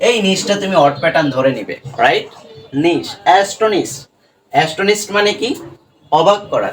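A teacher with a Bengali accent giving a pronunciation lesson, asking questions and answering them himself, repeating words slowly. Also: medium pitch, slight background noise. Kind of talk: classroom-style lesson to students.

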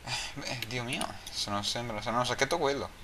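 A man's voice: medium pitch, a little fast. A young man doing joking, swearing commentary over a video game he plays, with game music behind. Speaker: let's play commentator. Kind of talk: excitable gameplay commentary.

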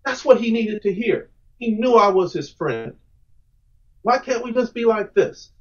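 A man with a fairly high voice talks earnestly on a podcast. He wanders through long thoughts and restarts his sentences. The audio is muffled and lo-fi. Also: animated, unhurried. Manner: earnest, reflective, rambling with restarts. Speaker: podcast guest, comic creator. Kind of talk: casual podcast conversation.

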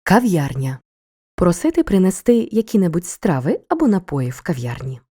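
A woman narrating a scripted school lesson for children, explaining each point in a clear, measured way. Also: lowish voice, very animated, mellow. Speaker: teacher.

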